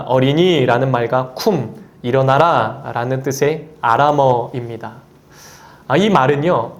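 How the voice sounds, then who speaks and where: Earnest Korean pastor preaching. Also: male voice, medium pitch. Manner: earnest preaching, quoting scripture, rising emphasis on key phrases. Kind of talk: sermon. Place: church sanctuary.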